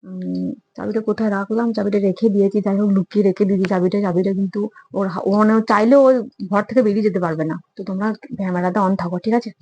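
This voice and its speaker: Fast, chatty young woman vlogger. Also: mid-range voice, fairly even intonation, a little mellow, breathy edge, dry recording, highs cut off. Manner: chatty, rapid, addresses viewers directly. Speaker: prank vlogger. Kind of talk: casual vlog talk to viewers. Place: home.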